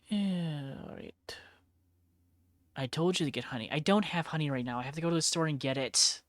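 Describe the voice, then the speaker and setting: A woman's voice: low-pitched, normal speed, dry recording. A woman streamer in casual chat while painting miniatures, chatty, laughing often and blunt, with plenty of swearing.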